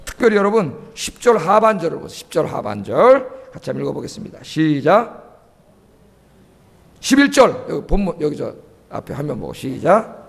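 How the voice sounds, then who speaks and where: A man's voice: a little high, very animated, moderate pace, gravelly, breathy edge. A male pastor preaching a sermon, often asking the congregation questions and urging them on with emphasis. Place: church sanctuary. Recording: long church hall reverb.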